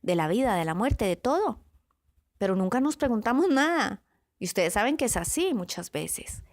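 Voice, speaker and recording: A woman motivational speaker giving a calm, reflective podcast talk, listing words one by one with pauses and often checking in with her listeners. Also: on the high side. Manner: often checks in with the listener with a soft question tag. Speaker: motivational speaker on self-awareness.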